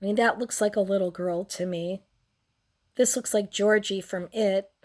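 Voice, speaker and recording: A young woman hosts a casual commentary show, her voice nearly gone from a cold. She speaks at a medium pitch with a steady, slightly mellow tone, delivering crude, sardonic remarks slowly and in a drawn-out way.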